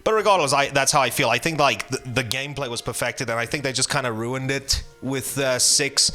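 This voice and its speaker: A man's voice: medium pitch, fairly quick, pushed and bright, soft background music. A man chatting casually about games, rambling with many restarts and fillers, blunt and profane. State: hiccuping. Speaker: gaming channel host. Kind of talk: casual rambling game commentary.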